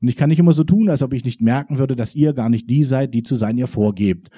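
A man's voice: mid-range voice, fast, warm tone, slightly rough. A man in his forties performing spoken-word poetry with a rhythmic, wry, confessional delivery. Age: 40s.

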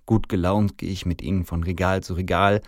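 A man narrating a first-person story aloud in an even storytelling manner. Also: deep voice, fairly quick, dry recording, clean studio sound.

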